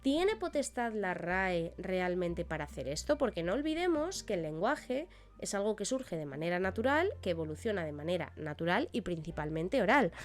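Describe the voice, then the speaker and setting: A woman's voice: lowish voice, big pitch swings, moderate pace, hardly any pauses, soft background music. A woman with an accent from Spain, a Spanish language teacher explaining spelling rules on a live stream and often checking in with her listeners.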